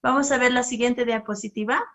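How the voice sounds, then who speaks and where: A woman's voice: on the high side, a little fast. Woman teaching a children's service. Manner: asks the children questions and acts out their voices; storytelling, gentle and animated. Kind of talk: children's sermon with slides.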